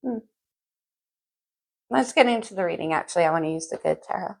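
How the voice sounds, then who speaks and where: A woman's voice: lowish voice, lively intonation, a little fast, gravelly. A woman astrologer giving a casual tarot reading, musing aloud to the listener, her speech slightly muffled. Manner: conversational, musing aloud, addressing the listener directly.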